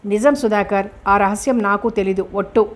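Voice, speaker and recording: A woman's voice: medium pitch, normal speed, natural voice. A woman voicing a determined grown man who stands up to a kidnapper, in a storybook reading. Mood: earnest.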